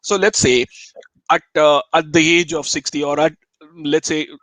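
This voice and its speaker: Higher-pitched Telugu Indian man, chatting informally. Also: level tone, moderate pace, fairly bright tone, no room sound, rough recording. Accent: Telugu Indian, from Chennai. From Chennai, India. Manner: informal, digressive, jokey. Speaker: guest speaker, web developer. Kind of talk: casual webinar chat.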